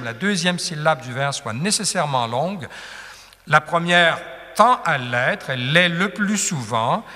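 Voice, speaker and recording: A man's voice: fairly high pitch, sharp tone. A man giving a patient classroom lecture on poetry, tapping out rhythms with syllables. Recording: long hall reverb.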